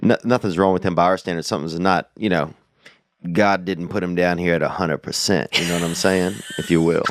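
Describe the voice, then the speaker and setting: A man with a fairly low voice chats casually and humorously. He rambles through his stories in slang, and the recording has no room echo. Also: fairly even intonation, fairly quick, studio quality.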